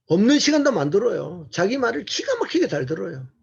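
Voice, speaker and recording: Earnest male church lecturer, high and husky, on a muffled lo-fi recording. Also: very animated, brisk. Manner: earnest, asks the audience rhetorical questions. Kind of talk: sermon-like lecture.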